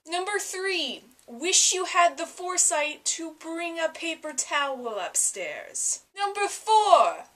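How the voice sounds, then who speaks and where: A young woman with a high, bright voice vlogs from home. She runs through a food demo step by step in an enthusiastic, chatty way. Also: animated, slow pace, hardly any pauses. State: talking with mouth full. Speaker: vlogger. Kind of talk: casual vlog. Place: home, indoors.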